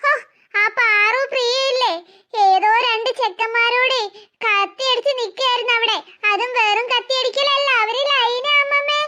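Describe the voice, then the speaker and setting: A woman's voice: very high-pitched, steady tone, normal speed, sharp tone. A woman voicing a sly, dramatic young girl in a cartoon who whines and tattles to her grandmother. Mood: tattling. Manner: whiny, tattling.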